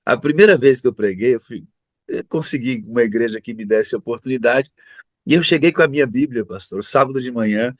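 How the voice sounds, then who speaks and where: A man's voice: mid-range voice, brisk, no room sound. A middle-aged man from Brazil interviewing a pastor in a church setting, effusive and often laughing.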